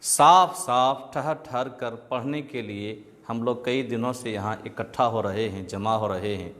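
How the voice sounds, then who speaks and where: A man's voice: medium pitch, unhurried. A man teaching Quran reading to a class, drilling sounds patiently with call-and-response. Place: classroom with students. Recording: echoey room with loud background noise.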